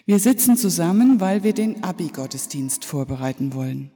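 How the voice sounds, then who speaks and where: A middle-aged woman pastor giving an Easter sermon, telling stories slowly and reflectively with pauses. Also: fairly low pitch, lively intonation, dark tone, slightly rough. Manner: slow, reflective storytelling with pauses. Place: church. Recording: reverberant church hall.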